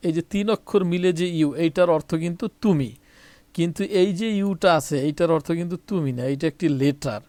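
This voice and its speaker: A man's voice: fairly high pitch, a little fast, mellow, no echo. A man with a Bangladeshi Bengali accent teaching English grammar, repeating points and speaking to viewers directly. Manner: repetitive, addresses viewers directly, self-corrects. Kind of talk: explaining a lesson to viewers.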